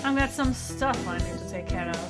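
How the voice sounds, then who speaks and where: A woman's voice: mid-range voice, a little fast, voice pushed down, natural voice. A woman voicing a suave male French bird student in a put-on, overdone French accent, with music playing behind.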